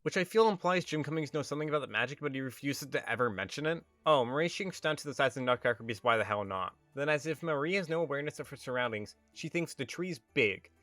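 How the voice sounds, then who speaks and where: Sarcastic male reviewer, bright forceful voice. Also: mid-range voice, expressive, fast, hardly any pauses, dry recording, soft background music. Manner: sarcastic, exasperated, ranting. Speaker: video reviewer. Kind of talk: comedic scripted movie review commentary.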